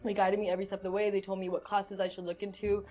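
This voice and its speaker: A woman's voice: mid-range voice, little pitch movement, racing, warm tone, faint music behind. A young woman, a student ambassador, earnestly explaining her choice of school in casual chat. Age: young adult.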